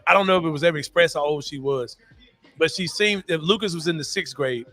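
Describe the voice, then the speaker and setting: A man with a bright, somewhat high voice hosts a laid-back podcast chat. He talks in loose slang, laughs easily and pushes his points hard, with faint music running under the conversation. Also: quick pace. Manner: slangy, laughing, emphatic, says bro a lot. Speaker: podcast host. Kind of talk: casual sports and pop culture chat.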